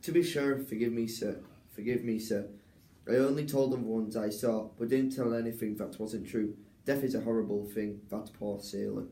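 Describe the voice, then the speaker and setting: A man's voice: fairly low pitch, steady tone, moderate pace, mellow, natural voice. A young man playing a meek Irish convict in a class rehearsal, with a wavering put-on Irish accent, rambling and apologetic. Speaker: drama student. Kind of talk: rehearsed stage reading. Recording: roomy echo.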